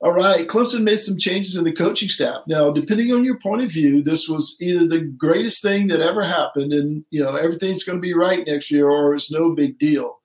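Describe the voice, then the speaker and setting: Man, middle-aged, fairly high voice, rambling casual sports talk, roomy echo. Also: fairly quick, hardly any pauses. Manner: rambling, self-correcting. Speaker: podcast co-host.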